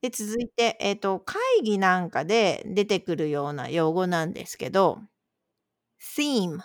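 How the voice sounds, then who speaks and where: A woman's voice: fairly low pitch, normal speed, dry recording, studio quality. A woman co-hosting a casual podcast, patiently explaining words in a chatty, conversational way. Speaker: podcast co-host posing quiz words.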